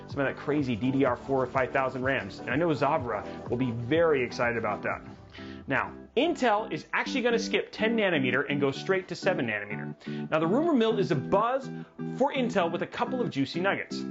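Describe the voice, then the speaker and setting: A man hosting a livestreamed tech news show, animated and jokey, with dramatic asides. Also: sits high, muffled recording. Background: music playing under the voice.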